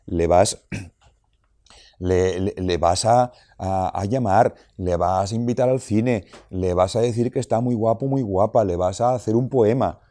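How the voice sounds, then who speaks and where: A man gives a lively explanatory talk to parents, his voice sitting low. He poses rhetorical questions and acts out little quotes. The sound is dry and close. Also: a little slow, dry recording. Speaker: speaker on child rearing.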